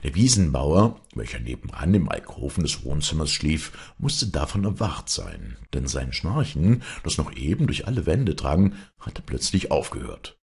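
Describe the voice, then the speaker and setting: A man reading a German fairy tale aloud as a storyteller, in an expressive narrating voice. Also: rumbling low, moderate pace, vocal fry, hardly any pauses, breathy edge.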